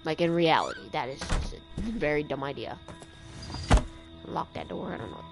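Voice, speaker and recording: Her voice sits low and sing-song, with vocal fry and a moderate pace. The young gamer streamer rambles, swears, and vents casual frustration over her gameplay as game music plays.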